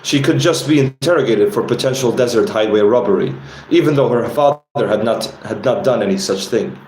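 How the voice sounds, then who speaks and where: A man's voice: medium pitch, brisk, a little mellow. Man reading his novel aloud, stumbles and self-corrects, roomy echo, faint hiss. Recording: roomy, with faint background noise.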